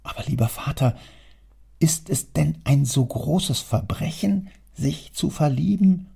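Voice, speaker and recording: A man voicing an earnest young adult son arguing with his father in an audiobook, his voice raised higher than the narration. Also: expressive, unhurried, creaky, dark tone, husky, full character voice. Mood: pleading. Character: young grown son, pleading then defiant.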